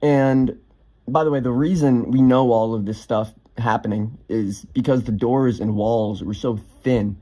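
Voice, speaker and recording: A man's voice: mid-range voice, a little slow, mellow. A young man casually telling a personal story, offhand, swearing now and then with lots of fillers.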